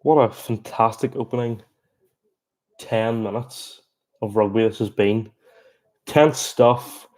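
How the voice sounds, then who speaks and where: A man giving chatty, excitable live reaction commentary on a rugby match, breaking into exclamations. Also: lowish voice, takes it slowly, long pauses. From Ireland. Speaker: sports reaction streamer.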